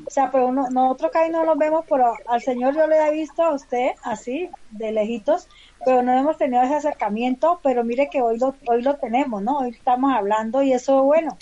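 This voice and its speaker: High-voiced Colombian woman from Valle del Cauca. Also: mellow. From Palmira, Valle del Cauca, Colombia. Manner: halting, repeats words and self-corrects often. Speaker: community leader, interview guest. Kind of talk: casual conversational interview. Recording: dull lo-fi remote call.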